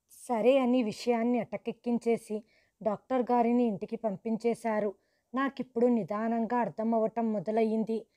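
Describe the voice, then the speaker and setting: A woman telling a first-person story in a steady, earnest narrating voice. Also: a little high.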